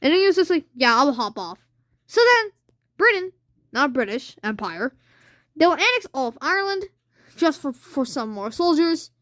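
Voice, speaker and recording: A woman's voice: sits high, very animated, normal speed, a bit bright, no echo, studio quality. A woman hosting a casual alternate-history map commentary, rambling with lots of fillers and unsure asides. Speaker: channel host.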